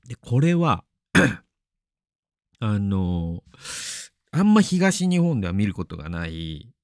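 A man's voice: on the low side, sing-song, extremely slow, vocal fry, long pauses, no room sound, studio quality. A middle-aged man hosting a radio show, talking casually and rambling, laughing often. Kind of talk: casual solo talk.

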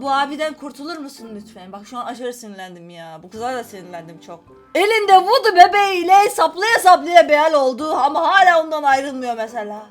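Excitable high-voiced woman gaming host. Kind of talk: casual gameplay commentary.

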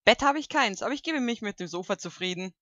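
A woman's voice: medium pitch, lively intonation, fast talker, a bit bright, no echo, muffled recording, close to an everyday voice. A woman voicing a pushy, snippy young female alicorn pony in a fan audio drama, talking bluntly and teasingly. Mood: cheeky, snippy. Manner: blunt and cheeky, teasing and mocking.

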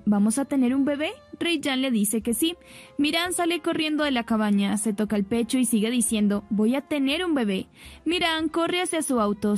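A woman with a fairly high voice tells a soap opera episode scene by scene. She quotes each character's lines without putting on voices, keeping a steady storytelling tone over soft background music. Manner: plain retelling, quoting each character without changing voice. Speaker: narrator recapping a soap opera. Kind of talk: storytelling recap narration. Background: faint background music.

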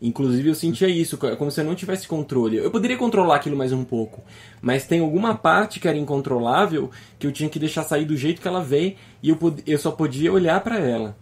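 A man's voice: on the high side, lively intonation, quick pace. A man co-hosting a podcast, speaking in a casual, hesitant way as he thinks aloud. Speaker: podcast co-host. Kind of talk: casual reflective chat.

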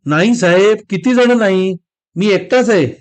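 A man's voice: sits high, a little slow. A man voicing a cowering thief who pleads and begs for mercy. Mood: pleading. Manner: pleading, begging.

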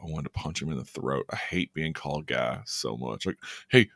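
A young man with a very deep voice chats casually about a movie as a podcast co-host. He is laid-back and wry, and he acts out lines from the film. The sound is dry and close to the mic. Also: normal speed, vocal fry, fairly bright tone, no echo. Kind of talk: casual chat reviewing a movie.

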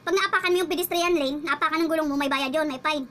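A chatty woman vlogger telling a story about her job as a driver, laughing as she goes. Her voice is very high and bright, and she talks quickly. A faint room ambience hums behind her. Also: a little hiss or hum. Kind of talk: casual storytelling vlog.

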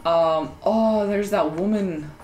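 A woman's voice: mid-range voice, slow pace, darkish tone, reverberant, soft background music. A woman playing and commenting on a video game in casual, joking chat, teasing and swearing freely. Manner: teasing, profane exclamations. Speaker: game player and co-host.

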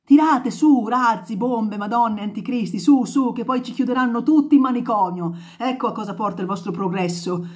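A woman voicing an angry working-class woman who shouts bitterly at the storm and the world, her voice pitched well above her own. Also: normal speed, natural voice. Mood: furious railing. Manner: shouting, railing, sarcastic.

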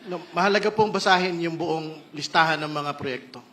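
A fairly high-voiced man with a Filipino accent chairs a formal hearing. His tone is bright and forceful. He moves between Tagalog and English as he directs the proceedings. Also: fairly quick. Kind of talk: formal legislative hearing talk.

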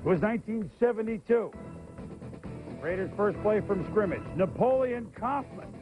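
A man announcing sports highlights in an excited commentary style. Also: normal speed, dull audio. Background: music.

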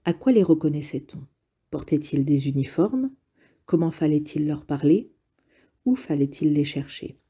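Low, dark-voiced woman reading a novel. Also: breathy edge. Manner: calm, measured literary reading. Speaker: audiobook reader. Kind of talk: audiobook narration.

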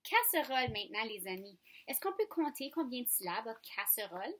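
A woman teacher with a Franco-Ontarian French accent, leading young children through a phonics lesson in slow, clear, coaxing speech. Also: fairly high pitch, sing-song, a bit bright. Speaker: kindergarten teacher.

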